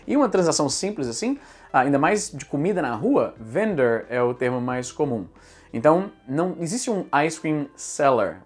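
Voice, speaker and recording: Brazilian man explaining English usage. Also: a little high. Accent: Brazilian Portuguese. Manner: explains patiently with worked examples. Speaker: English teacher and YouTuber. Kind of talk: explanatory commentary.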